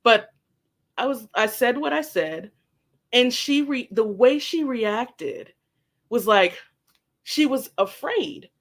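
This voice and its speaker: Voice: medium pitch, takes it slowly, pauses often. A guest telling a personal work story candidly and animatedly, swearing casually. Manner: animated, acts out quoted dialogue, swears casually.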